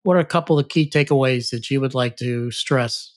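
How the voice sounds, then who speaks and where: A man's voice: medium pitch, brisk. A man hosting an interview podcast, asking questions in a courteous, reflective way. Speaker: podcast host.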